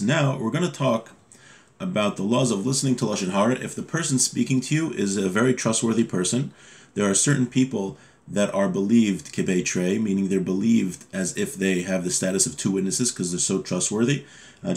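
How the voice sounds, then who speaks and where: This religious teacher is a man in his thirties whose voice is lowish and darkish in tone. Seated at a desk in a small home room, he gives an informal lesson, reading passages aloud and explaining them in a halting, self-correcting manner.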